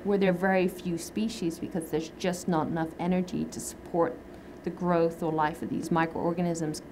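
A microbiologist in her thirties explains her research during a documentary interview in an indoor lab, gesturing as she talks. Her fairly low voice is flat and at normal speed, with background noise present.

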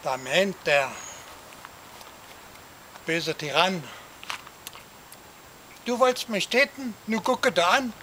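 A man reciting a rhyming comic poem for an audience, lively, jumping up in pitch for shouted cries. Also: slow pace, long pauses, a little hiss or hum, poor audio. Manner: lively storytelling, swings voice up for quoted cries. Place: outdoor garden theatre.

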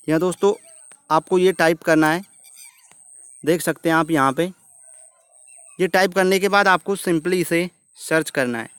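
A man's voice: a little high, no room sound. A man hosting a YouTube channel, walking viewers step by step through a phone screen recording and addressing them often as friends. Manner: step-by-step, repeats "दोस्तों" often. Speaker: YouTube tutorial host.

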